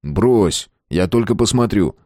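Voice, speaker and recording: A man's voice: fairly low pitch, expressive, unhurried, a little mellow, dry recording. A man reading an audiobook voices a wry, joking young husband close to his own voice. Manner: joking, easygoing. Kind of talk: audiobook character voice.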